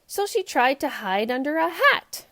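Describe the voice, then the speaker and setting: Reading a storybook aloud on her children's show, a high-voiced woman speaks unhurriedly. Her narration is expressive and emphatic, aimed at young listeners.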